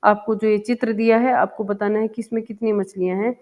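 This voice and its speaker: A woman's voice: medium pitch, fairly even intonation, darkish tone. A woman teaching a first-grade Hindi lesson, patiently repeating words and asking the children questions. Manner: chants the poem slowly and sing-song. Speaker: primary school Hindi teacher. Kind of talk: explaining a textbook lesson to young children. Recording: dull lo-fi sound with long reverb.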